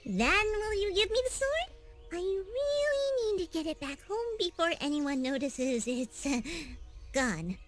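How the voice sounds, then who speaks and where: A small, perky female creature from a fantasy video game. The voice is high and very lively in pitch, cutesy and bold. She chatters in a scatterbrained way over faint music. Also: measured pace. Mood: insistent, flustered.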